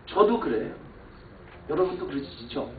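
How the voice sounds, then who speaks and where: Animated male pastor preaching in echoey hall. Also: a little high, normal speed, creaky, a little hiss or hum. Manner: animated, swings from quiet to loud exclamations. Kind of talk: sermon with personal testimony. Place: church sanctuary. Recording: echoey church hall, far mic, phone-like band.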